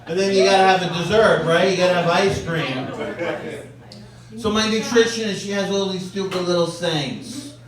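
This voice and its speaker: A man doing a deadpan, self-deprecating stand-up set, bantering with the audience. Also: high voice, moderate pace, recorded from a distance. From Long Island, New York. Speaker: stand-up comedian. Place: comedy club with a laughing audience. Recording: echoey club, mic heard from afar, loud crowd.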